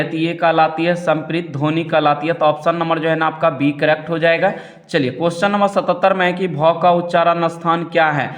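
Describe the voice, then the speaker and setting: A young male teacher with a slightly high voice goes through multiple-choice exam questions one by one. He explains each answer at a steady pace and keeps coming back to the same stock phrases.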